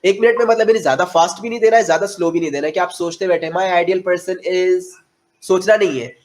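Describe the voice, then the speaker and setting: A young man with an Indian accent and a fairly high voice teaches spoken English in an online class. He explains in Hindi, then drops into slow, carefully spaced English sentences for students to copy. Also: a little mellow. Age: 20s.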